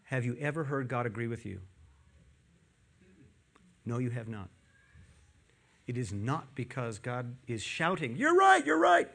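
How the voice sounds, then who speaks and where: A man preaching a sermon in church, animated and playful, quizzing the congregation with questions and tossing in joking asides. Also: medium pitch, measured pace, long pauses. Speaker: pastor. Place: church with a screen behind him.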